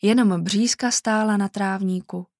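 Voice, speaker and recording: A woman narrating a children's storybook in a calm, measured way. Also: mid-range voice, no room sound, studio quality. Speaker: audiobook narrator.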